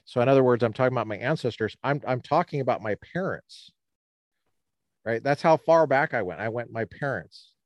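A man from Colorado co-hosting a casual talk show, talking in a rambling, halting way with many restarts, standing outdoors by the ocean on a cold day. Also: medium pitch, expressive, dry recording. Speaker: podcast co-host. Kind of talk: casual chat.

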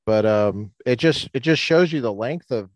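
A man from Colorado co-hosting a casual talk show, talking in a rambling, halting way with many restarts, standing outdoors by the ocean on a cold day. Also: medium pitch, lively intonation, no echo. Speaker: podcast co-host. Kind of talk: casual chat.

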